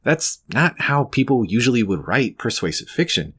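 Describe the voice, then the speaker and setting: A man's voice: mid-range voice, very animated, normal speed, fairly bright tone, breathy edge. A man delivering scripted, conversational video commentary as a host, with wry, sarcastic asides.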